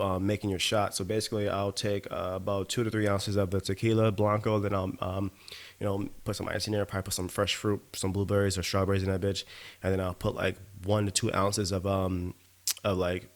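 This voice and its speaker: A man with a lowish voice hosts his own podcast in a casual, rambling monologue. He talks loosely and profanely, peppering his lines with "bro" and "you know what I mean". He sounds a little tipsy from drinking. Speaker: podcast host.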